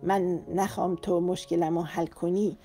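A man's voice: sits high, little pitch movement, warm tone, soft background music. A woman reading the part of a brooding, curt young man in an audiobook, in a blunt and irritable manner.

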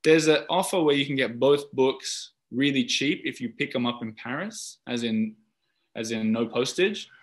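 A podcast host with an Australian accent, appearing as a guest speaker, rambles casually over a video call mic, full of filler words and chatty asides. His voice is mid-range at a moderate pace.

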